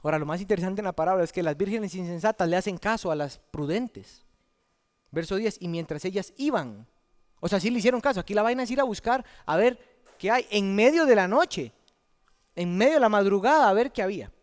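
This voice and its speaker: A man preaching a sermon in a church, dramatic, dropping to a hush and then rising loud. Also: sits high, animated, quick pace. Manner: dramatic, swings from hushed to loud. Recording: echoey church hall.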